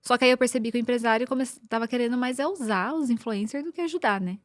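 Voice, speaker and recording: A woman from Brazil, a marketing mentor, telling a personal faith story as a podcast guest, clearing her throat often and restarting sentences. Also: on the high side, fast talker, dry recording, studio quality. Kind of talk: personal testimony in casual conversation.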